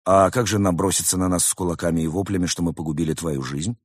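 A man's voice: low voice, fairly even intonation, quick pace, slightly rough, no echo, studio quality. A man voicing a brash, joking male cat in a storybook reading, talking in cheeky slang.

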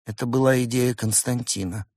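A man's voice: medium pitch, steady tone, brisk, darkish tone, dry recording, studio quality, pitched above the performer's own voice, close to an everyday voice. A man voicing a timid male rabbit in a storybook reading, speaking hesitantly and sheepishly.

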